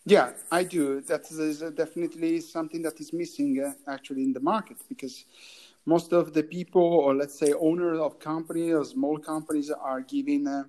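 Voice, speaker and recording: A man's voice: a little high, steady tone, moderate pace, warm tone. A man who grew up in Italy co-hosting a podcast, speaking hesitantly and often restarting while he searches for words. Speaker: podcast co-host. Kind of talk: casual podcast chat.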